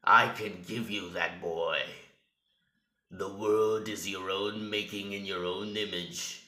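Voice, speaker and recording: A man's voice: on the low side, pushed and bright, echoey room. A man playing Death, a menacing, soul-eating villain who sneers at mortals in a grandiose, taunting theatrical monologue.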